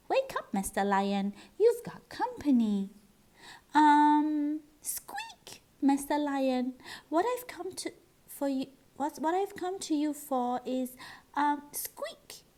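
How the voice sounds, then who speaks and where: A woman doing a squeaky, timid little mouse. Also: sing-song, slow, mellow, heavily acted. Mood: nervous. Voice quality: squeaky, high and breathy. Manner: stammering, hesitant. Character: timid little male mouse, nervous but eager. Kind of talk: reading a picture book aloud.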